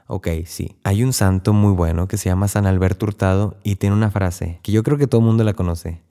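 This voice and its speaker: Young Mexican man, low-pitched, warm and dark, casual faith talk with chatty asides. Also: steady tone, brisk. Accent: Mexican Spanish. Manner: chatty, acts out his own inner voice with asides. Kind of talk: casual spiritual teaching.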